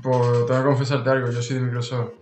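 A man's voice: medium pitch, completely flat delivery, quick pace, a little mellow, echoey room, soft background music. A man, co-hosting a casual comedy chat and telling anecdotes in rambling slang. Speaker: podcast co-host.

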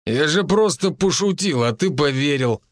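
A man's voice: fairly high pitch, expressive, normal speed, dry recording, clean studio sound, lightly acted. A man voicing a drunk young male footballer who teases and bosses his teammate. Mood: mocking.

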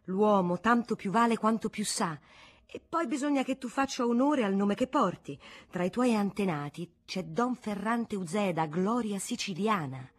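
A woman doing a pedantic old gentleman tutor. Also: mid-range voice, animated, normal speed, lightly acted. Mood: lecturing. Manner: earnest, lecturing.

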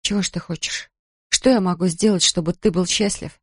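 A woman's voice: on the low side, brisk, breathy edge, no room sound. A reader doing a tired mother who works as a doctor, anxious and pleading. She sounds worn down and keeps her voice close to plain narration. The sound is dry. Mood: pleading weary.

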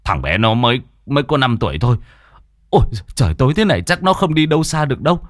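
A man's voice: mid-range voice, sing-song, no room sound, clean studio sound, pitched above the performer's own voice, close to an everyday voice. A man voicing a worried grandfather in a spoken ghost story, hurriedly asking neighbors for help. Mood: anxious. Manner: hurried, anxious pleading.

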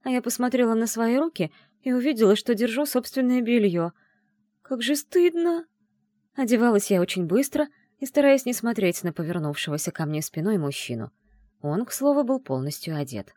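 A woman reading a first-person novel aloud in an expressive, emotional way. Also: on the high side, a little fast, no room sound, studio quality. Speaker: audiobook narrator.

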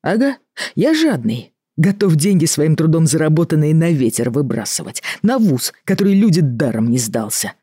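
Reader as a weary middle-aged doctor at the end of his rope; reproachful, husky, dry. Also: medium pitch, sing-song, mellow, no room sound. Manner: tired, reproachful, measured. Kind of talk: audiobook reading.

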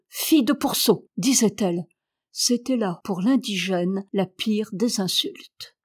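A woman reads a classic children's novel aloud in a measured, expressive voice at a middle pitch. The sound is dry and close, with no room echo. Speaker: audiobook reader. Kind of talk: scripted narration of a novel.

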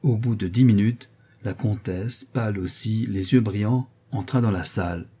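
Husky-voiced man reading a novel. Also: lowish voice, normal speed, mellow. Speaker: audiobook reader. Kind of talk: audiobook narration.

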